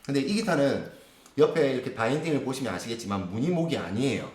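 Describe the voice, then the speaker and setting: A man's voice: mid-range voice, animated, darkish tone, reverberant. A man hosting a guitar channel, explaining guitar specs in a casual gear review chat. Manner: explanatory, measured, frequent affirmations. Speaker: guitar lesson channel host.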